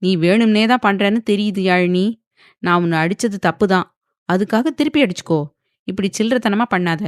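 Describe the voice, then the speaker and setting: A woman's voice: medium pitch, brisk, dry recording, clean studio sound, close to an everyday voice. A woman voicing an irritable young husband who scolds and mocks his wife. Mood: irritated. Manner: grumbling, scolding, mocking.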